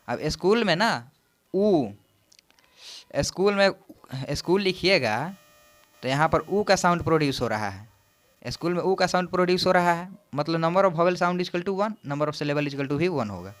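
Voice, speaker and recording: Male teacher, clear voice, slightly high, counts out syllables patiently. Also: fairly bright tone. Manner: explains slowly, counting aloud, mixing English terms into Hindi. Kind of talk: exam-prep lecture.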